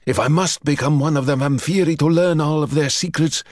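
Raised, strained voice of a desperate young schemer, pleading and eager, as an audiobook reader puts him on. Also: male voice, on the high side, a little fast, a little mellow, no echo, studio quality, pitched above the performer's own voice, lightly acted. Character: desperate, scheming young man bargaining with a vampire.

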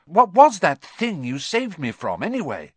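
A man's voice: wildly swooping pitch, unhurried, slightly rough, no room sound, heavily acted. A man voicing a polite, bewildered young boy in an audiobook, earnest, questioning and uneasy. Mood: puzzled. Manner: questioning, higher-voiced, earnest. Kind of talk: dramatized audiobook character voice.

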